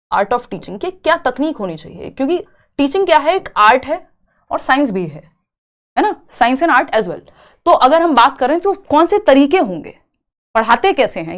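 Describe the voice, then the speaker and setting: A woman teaching an exam-prep lesson in a chatty, reassuring way, mixing into her talk. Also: medium pitch. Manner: chatty, reassuring, mixes Hindi with English terms. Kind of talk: online exam coaching lesson.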